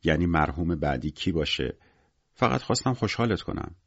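A man's voice: low-pitched, lively intonation, breathy edge, no echo, highs cut off, exaggerated voice. A man voicing a weary, menacing gangster in an audiobook, curt and cynical in everyday speech. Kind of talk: audiobook character voice.

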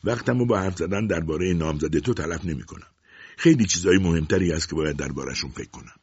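A man voicing a strong, stingy, greedy middle-aged mother who scolds and shouts at her daughter in a storybook reading. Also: low-pitched, slightly rough, no room sound. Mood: scolding. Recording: dull dry lo-fi audiobook recording.

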